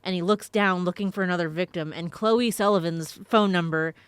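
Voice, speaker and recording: A woman's voice: on the low side, fairly quick, smooth, no room sound. A woman co-hosting a podcast in casual chat, talking freely and laughing between sentences. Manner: chatty, laughs while talking. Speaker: podcast co-host.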